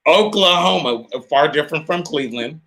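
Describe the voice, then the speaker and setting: A man's voice: on the high side, lively intonation, moderate pace, fairly bright tone. A man hosting a casual live-stream interview, hyped and repetitive, calling out to viewers as y'all. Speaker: host.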